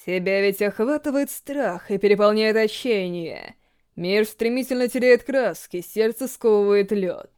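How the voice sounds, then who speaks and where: Woman doing a lowered, drawn-out gourmet ghoul guy, refined and creepy, savors every word. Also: darkish tone, clean tone, natural voice. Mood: menacing. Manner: slow, savoring, theatrical delivery.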